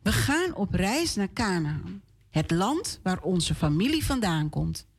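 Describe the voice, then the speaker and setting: A woman's voice: mid-range voice, sing-song, slow pace, husky, heavily acted. A woman voicing a friendly mother in a children's story. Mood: cheerful. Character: warm homely mother.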